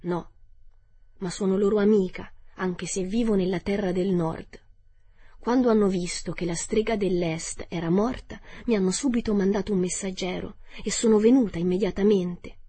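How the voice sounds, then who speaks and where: A woman's voice: mid-range voice, steady tone, moderate pace, breathy edge, no room sound, close to an everyday voice. A woman voicing a kindly old good witch. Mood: gentle. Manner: gentle, soft-spoken and composed. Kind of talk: audiobook character reading.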